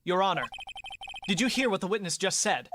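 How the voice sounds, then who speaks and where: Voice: mid-range voice, animated, a little fast, noisy background, natural voice. A player voicing an earnest young male defense lawyer who presses his points insistently, in a live fan voicing of a game. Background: game music.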